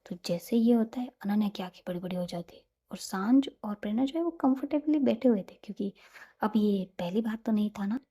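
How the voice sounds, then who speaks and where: A woman narrating a romantic story in a soft, intimate, often half-whispered way. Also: mid-range voice, a little fast.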